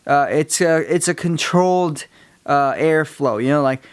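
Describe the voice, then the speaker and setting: A man giving a casual how-to lesson, explaining things in a halting, rambling way. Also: a little high, smooth, no room sound. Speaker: tutorial presenter. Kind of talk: casual instructional talk.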